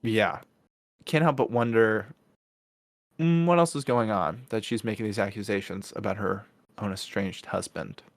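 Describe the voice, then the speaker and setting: A man with a lowish voice co-hosting a podcast, talking loosely and circling back on himself with fillers and restarts. He is recorded close on a dry mic with no room sound. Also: normal speed, gravelly, no room sound. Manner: rambling, many restarts and fillers. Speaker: podcast co-host. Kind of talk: casual podcast chat.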